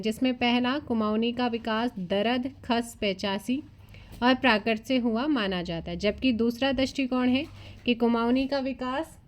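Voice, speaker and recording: A woman, reading exam study notes aloud as a coaching teacher and breaking off now and then with asides to her students. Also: fairly high pitch. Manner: reads long lists of names with asides to students.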